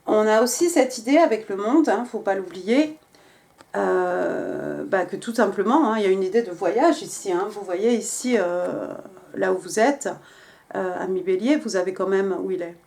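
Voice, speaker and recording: A woman's voice: medium pitch, sing-song, normal speed, creaky, a little mellow. A woman giving a casual tarot reading, talking with many hesitations and restarts. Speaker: tarot reader.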